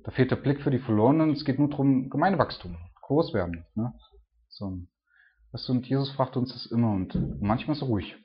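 A man preaching an informal sermon in a conversational way, often ending phrases with a questioning tag and reading scripture aloud more loudly and slowly. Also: medium pitch. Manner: chatty, keeps adding "ne?"; reads scripture aloud louder and slower. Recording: dull lo-fi sound.

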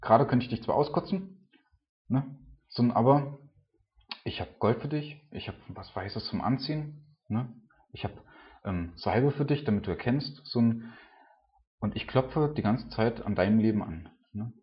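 A man's voice: medium pitch, expressive, moderate pace, long pauses. A man preaching an informal sermon, talking casually and filling his sentences with "ne" and "so". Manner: casual, filler-heavy, with frequent "ne" and "so". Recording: dull lo-fi sound.

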